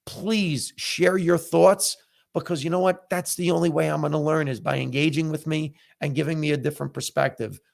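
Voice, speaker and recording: On a casual live-stream chat, a middle-aged comedian and podcast host from the US, Italian being his first language, voices candid opinions in a conversational, filler-laden way. His voice is fairly high and creaky.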